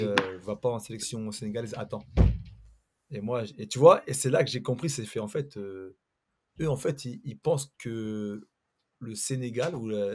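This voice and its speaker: A man's voice: mid-range voice, darkish tone, husky. A man from Paris, a former footballer, telling a long story in a casual chat with some hesitation. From Paris, France. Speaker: former footballer, panel guest.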